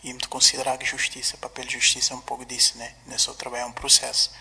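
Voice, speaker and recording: A man, a prosecutor, speaking in a formal, measured way. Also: mid-range voice, completely flat delivery, creaky, bright, forceful tone, breathy edge, in a large hall. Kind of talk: interview.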